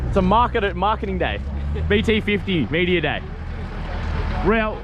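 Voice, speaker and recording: A man bantering casually and swearing in a lively, blokey way on an off-road trip outdoors. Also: high voice, normal speed, dull audio. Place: outdoors among four-wheel drives. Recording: music and chatter over outdoor car noise.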